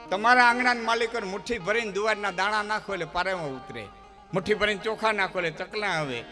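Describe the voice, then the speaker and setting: A man holds a live folk storytelling stage. His voice sits high and rings bright and forceful, and he repeats phrases in a rhythmic build that swells into loud declamation. Faint instrumental music plays underneath.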